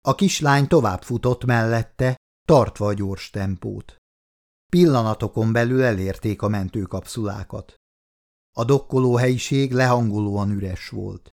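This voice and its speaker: A man's voice: on the low side, a little mellow. A man narrating an audiobook in a dramatic way, acting out the characters' lines. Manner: dramatic, voices the dialogue.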